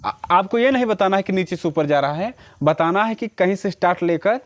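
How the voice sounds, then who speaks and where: High-voiced man teaching harmonium. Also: animated, a little fast, dry recording, clean studio sound. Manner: patient, keeps checking the student understands; sings short phrases to demonstrate notes. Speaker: music teacher. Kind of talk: one-on-one harmonium lesson.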